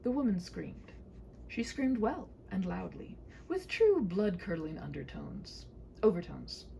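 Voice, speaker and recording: Reading aloud a humorous storybook tale she wrote herself, this woman speaks at a medium pitch and a measured pace, with mellow vocal fry and swooping liveliness. Her wording is whimsical and mock-formal, dotted with wry asides, and the rough home recording carries a faint hiss.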